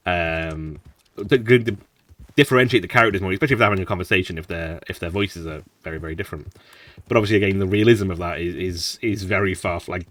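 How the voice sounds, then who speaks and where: A man's voice: deep voice, a bit bright, far from the mic. A man chatting casually while streaming a game, rambling and laughing often. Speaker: gaming streamer. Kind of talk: casual gameplay commentary.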